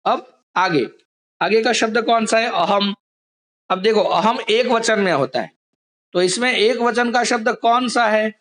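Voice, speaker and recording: A male teacher with a fairly high voice talks slowly through a lesson. His manner is patient, and he explains each step carefully for students on a video call. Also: a bit bright. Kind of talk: online class lesson.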